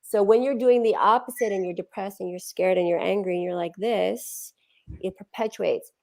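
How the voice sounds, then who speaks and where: A woman giving a conversational talk on healing, animated and acting out quoted feelings as she speaks. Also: medium pitch, normal speed, creaky.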